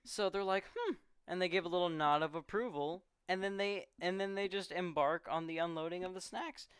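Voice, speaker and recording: A man in a casual podcast chat, walking through a movie scene by scene and dropping into quick quoted lines for the characters. His voice is smooth and resonant, recorded close and dry with no room sound. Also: sits high, fairly even intonation, a bit bright, no room sound. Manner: rambling, retells scenes with quoted voices and laughs. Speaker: podcast co-host.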